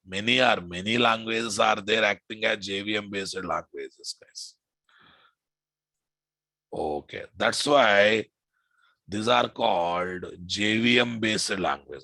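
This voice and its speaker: A man's voice: fairly low pitch, creaky, pushed and bright, dry recording. A man with a Telugu Indian English accent lecturing informally as a programming instructor, emphatic, repeating phrases and often checking with the class through questions.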